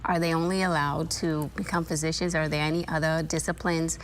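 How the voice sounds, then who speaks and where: A woman interviewer with encouraging, quick affirmations. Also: sits low, flat delivery, a little hiss or hum. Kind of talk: casual interview questions.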